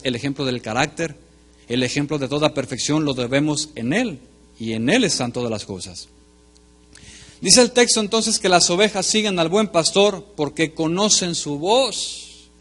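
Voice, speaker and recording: A middle-aged male pastor giving a sermon, speaking straight to his congregation and swinging between forceful and quiet delivery. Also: a little high. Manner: emphatic preaching that swings between loud and soft.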